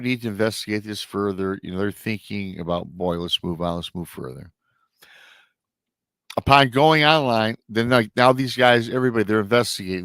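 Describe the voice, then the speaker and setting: A man's voice: on the low side, fairly bright tone, dry recording. A middle-aged man hosting a live show, retelling a strange encounter story in a chatty way, sounding nasal and a little scratchy from a lingering illness. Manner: chatty asides to viewers. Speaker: paranormal show host.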